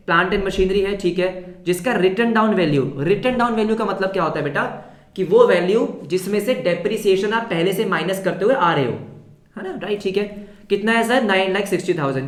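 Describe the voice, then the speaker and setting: Guy teaching accounts with a sore throat, keeps quizzing then answering himself, roomy echo. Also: high voice. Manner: quizzes students then answers his own questions. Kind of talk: fast exam revision lesson.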